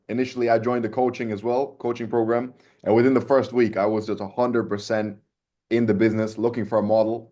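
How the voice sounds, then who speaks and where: Male host, lowish voice, casual slangy interview talk. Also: darkish tone. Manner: casual, slangy, says boys and lads.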